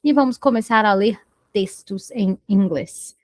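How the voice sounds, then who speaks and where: A woman with a Brazilian Portuguese accent teaching an English lesson, switching between Portuguese and English and slowing down to model each word. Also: medium pitch, dry recording. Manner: slow, careful modeling of English pronunciation. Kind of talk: bilingual language lesson.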